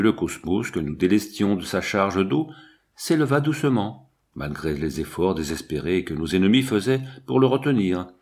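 A man reading an adventure novel aloud as an audiobook narrator, in an expressive, dramatic way. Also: fairly low pitch.

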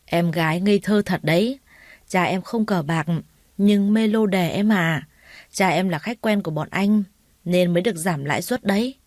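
A woman voicing a smug, lecherous male loan shark who makes slow, leering threats in a storybook reading. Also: fairly low pitch, a little mellow, no room sound, studio quality, natural voice. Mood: leering, menacing.

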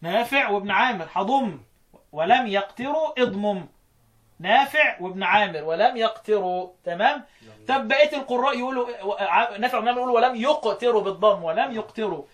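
A man with an Egyptian accent teaching Quran recitation, chanting verse lines slowly and then explaining them quickly while quizzing his students. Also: high voice, lively intonation, a bit bright. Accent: Egyptian Arabic.

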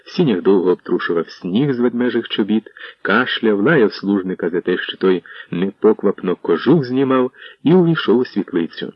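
A man narrating a historical novel as an audiobook in a measured storytelling manner. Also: fairly low pitch, expressive, husky, no room sound. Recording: dull muffled dry audio.

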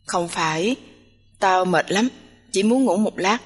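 A weary, reluctant young woman who answers in short, tired phrases in a storybook reading, as a woman narrator puts her on. The voice is fairly high and sits in a long, trailing reverb. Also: expressive, unhurried. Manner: tired, curt, sighing.

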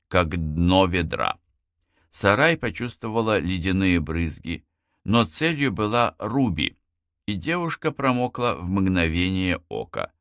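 A man with a deep, low voice narrates an audiobook, recorded close and dry with no room sound. His reading is expressive and often jumps up in pitch to stress a word. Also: no echo.

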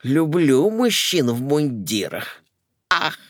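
A man's voice: sing-song, no room sound, studio quality, heavily acted. A man voicing a giddy, greedy older society lady who gushes and chatters shrilly. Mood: gushing. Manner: shrill, gushing, rapid chatter.

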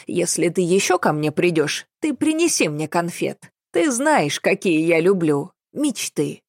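Old woman in a hospital bed, plaintive and plain-spoken, read by a woman, low voice. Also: very animated, a little slow, a little mellow, no echo, studio quality, heavily acted.

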